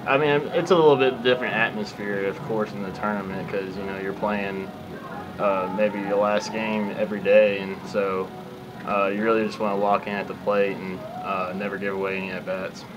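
A man's voice: on the low side, little pitch movement, normal speed, highs cut off, over music. A young man in his twenties, a college baseball player, giving hesitant answers full of fillers. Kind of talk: postgame press conference.

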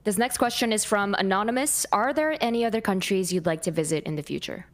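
A woman's voice: mid-range voice, fast talker. A woman co-hosting a stream, reading viewer questions and asking curious follow-ups in casual chat.

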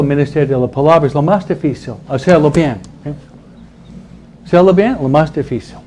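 A man's voice: on the high side, darkish tone, slight background noise, low-quality recording. A male priest teaching the commandments to a congregation in a conversational, humorous way, tagging his phrases with a questioning "no?". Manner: conversational, tags nearly every phrase with a questioning "¿no?"; humorous, chuckles at his own jokes.

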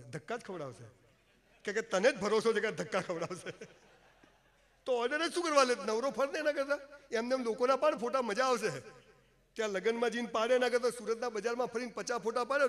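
A man with a high voice talks quickly through a folksy, emphatic motivational speech, cracking jokes and dropping in English phrases for his audience. The hall adds a long reverb.

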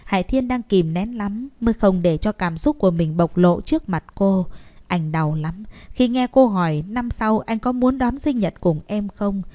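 A woman narrates a romance novel as an audiobook. Her voice is dark and mellow, at a middling pitch. She tells the story in a measured, emotive way. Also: expressive.

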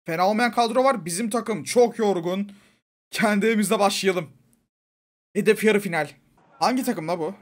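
A young man giving casual, excitable commentary over a football video game, pleading with the coach and yelling at the referee. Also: high voice, moderate pace, pauses often. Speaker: gaming YouTuber. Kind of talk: live gameplay commentary.

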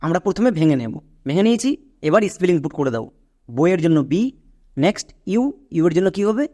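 A man's voice: high voice, lively intonation, quick pace, mellow. A man teaching English spelling and pronunciation. He goes step by step, repeats each point patiently and keeps asking the viewer questions.

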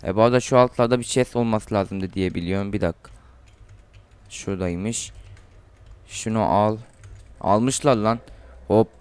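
A man's voice: fairly low pitch, normal speed, long pauses, clear, resonant tone. Teenage boy trash-talking over gameplay. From Turkey. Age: teens. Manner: trash-talks opponents, gets loud and excited in fights. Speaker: gaming YouTuber. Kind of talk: casual gameplay commentary.

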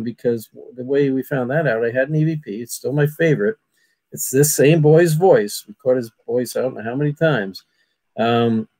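A man's voice: medium pitch, darkish tone, no room sound. A man, a paranormal investigator, telling a long story in a casual, rambling way, repeating words and calling listeners "people". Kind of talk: casual storytelling on a video call.

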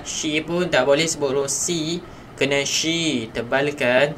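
A man with a Malaysian Malay accent teaching Quran reading in a live online lesson, sounding out each syllable slowly and then explaining in quick asides. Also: a little high, fairly bright tone, a little hiss or hum.

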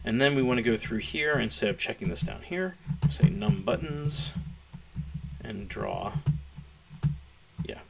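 A man with a hoarse, gravelly voice, thinking aloud as he walks through a coding tutorial. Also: mid-range voice, big pitch swings, measured pace, long pauses, loud music behind the voice. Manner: thinking aloud while typing, chatty. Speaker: programmer streaming a coding tutorial. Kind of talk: casual live-coding walkthrough. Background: keyboard typing.

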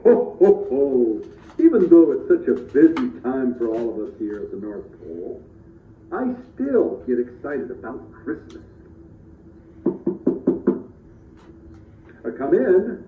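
A man playing a kindly, reassuring old Santa Claus in a children's puppet show, measured and fatherly. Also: medium pitch, sing-song. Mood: jolly. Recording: noisy, roomy, distant, muffled phone-like audio.

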